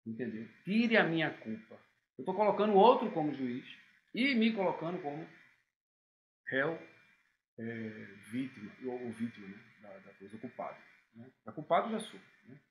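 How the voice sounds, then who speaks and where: A man giving a reflective talk to listeners in a conversational way, often pausing with fillers and checking in with tag questions. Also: medium pitch, sing-song, echoey room, highs cut off, slight background noise. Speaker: speaker giving a talk on guilt. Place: room.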